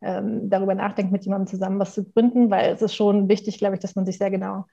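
A woman's voice: mid-range voice, level tone, fast, creaky, dark tone, muffled recording. A woman in her thirties speaking candidly as an interview guest, thinking aloud in a reflective, conversational way. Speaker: interview guest, company co-founder. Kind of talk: casual interview talk.

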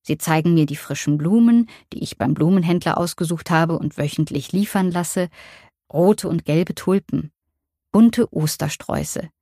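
Calm reflective audiobook narrator, woman; lowish mellow voice, dry close sound. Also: normal speed, no echo. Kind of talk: audiobook reading.

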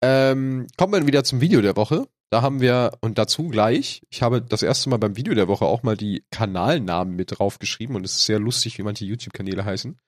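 A man's voice: on the low side, brisk, few pauses, no echo, clean studio sound. A man with a snotty cold and a stuffy, nasal voice, casually hosting a podcast. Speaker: podcast host.

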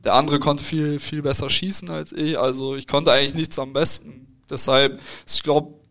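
Young male footballer guest, even, smooth voice, casual and hesitant. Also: fairly high pitch, normal speed. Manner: relaxed, hesitant with fillers and restarts. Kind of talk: casual interview answers.

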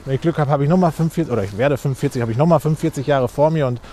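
Out on a street, a man in his forties answers interview questions with many fillers and restarts. He talks very fast in a warm, rather high voice, with slight background noise.

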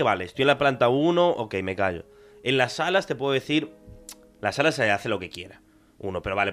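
Loud, fast-talking young man. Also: on the low side. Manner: loud, emphatic, rapid storytelling. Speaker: podcast co-host. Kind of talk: casual chat.

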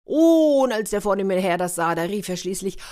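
A woman telling a fairy tale in a lively way, turning to her listeners with questions. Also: medium pitch, fast. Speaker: storyteller.

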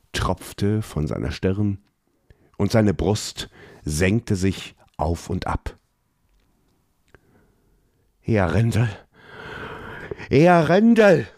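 A man narrates a fantasy tale with a very deep, husky voice, taking his time over each line. He reads in a measured, dramatic way. The sound is close and completely dry. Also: darkish tone, no echo. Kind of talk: scripted fantasy audiobook narration.

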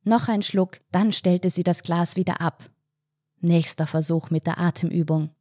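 A woman, reading a humorous short story aloud in a calm, wry narration. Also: fairly low pitch, moderate pace, dry recording, studio quality.

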